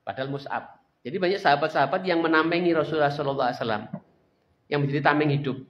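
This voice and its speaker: A male religious teacher, telling an Islamic history lesson in a lecture hall, slowing down for emphasis. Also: mid-range voice. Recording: dull lo-fi lecture recording.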